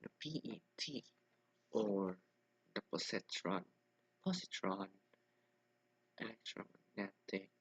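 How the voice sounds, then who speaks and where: A young man giving an informal lesson, halting with many restarts and fillers while he explains. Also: on the low side, expressive, a bit bright, husky, no room sound, poor audio.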